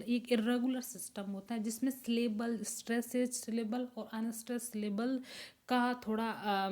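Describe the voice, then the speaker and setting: A woman's voice: fairly high pitch, darkish tone. A woman teacher giving a classroom lecture on a poem, explaining patiently in Hindi mixed with English terms and checking in with her students.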